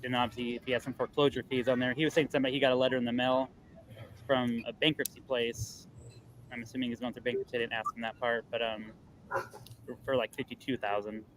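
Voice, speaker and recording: A man working a phone sales call, talking quickly through a deal with lots of fillers and reassurances, then chatting it over with colleagues. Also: medium pitch, flat delivery, noisy background. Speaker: real estate investor on sales calls. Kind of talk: live-streamed phone sales call and debrief. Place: loud area. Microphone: earbud headset mic.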